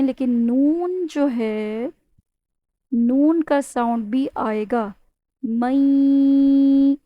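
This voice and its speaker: High-voiced woman teaching recitation. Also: dark tone, no echo. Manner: patient, explains slowly with questions to students; draws out demonstration words with nasal humming. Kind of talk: Tajweed lesson, teaching step by step.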